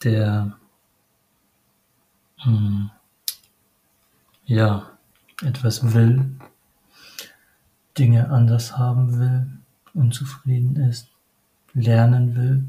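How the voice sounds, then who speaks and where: A man giving a meditative spiritual monologue, addressing the listener directly in short, halting phrases with frequent hesitations. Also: medium pitch, flat delivery, mellow, poor audio.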